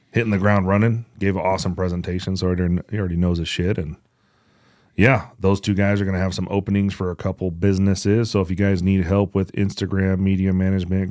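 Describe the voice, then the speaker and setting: In a clean studio recording with no room sound, a podcast host with a low, slightly mellow voice mixes casual chat and announcements. He is blunt and jokey, trading banter laced with plenty of swearing.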